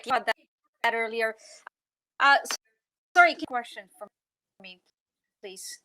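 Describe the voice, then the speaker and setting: A woman, a guest writer, answering interview questions over a remote call line whose audio keeps cutting in and out and jumping in volume. She speaks haltingly, with many fillers and restarts. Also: on the high side, bright, forceful tone, dry recording, low-quality recording. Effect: call audio cutting in and out, volume rising and dropping.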